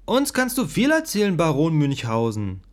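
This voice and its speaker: A man's voice: on the high side, wildly swooping pitch, moderate pace, pitched above the performer's own voice. A man voicing a mocking spacer who heckles in a pub scene of an audiobook, with a taunting, sneering manner.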